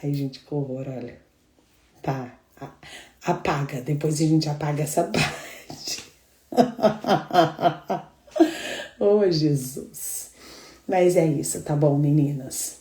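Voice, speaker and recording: A woman's voice: sits low, slow pace, pauses often, dark tone, reverberant. A middle-aged Brazilian woman leading a live devotional, chatting and telling stories with frequent laughter. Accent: Brazilian Portuguese. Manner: chatty, storytelling, laughs often. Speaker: devotional group leader.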